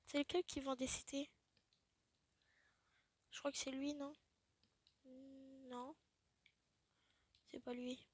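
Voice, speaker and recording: High-voiced woman muttering through a game. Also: little pitch movement, slow pace, long pauses, no room sound. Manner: chatty, self-mocking, drops into quiet muttered asides. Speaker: let's play host. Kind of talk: casual gaming commentary.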